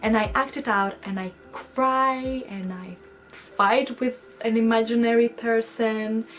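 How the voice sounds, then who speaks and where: A young adult woman from Greece tells a story to camera in a casual, chatty vlog, speaking with a Greek accent. Her voice is a little high and unhurried, and she giggles and animatedly quotes herself. Faint music plays in the background.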